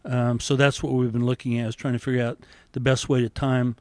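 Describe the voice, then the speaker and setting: A man's voice: mid-range voice, flat delivery, fairly quick, a little mellow, dry recording. A man who is a university entomologist, answering interview questions in a methodical, explanatory way in an office with a handheld mic held toward him. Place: office with windows and plants, indoors.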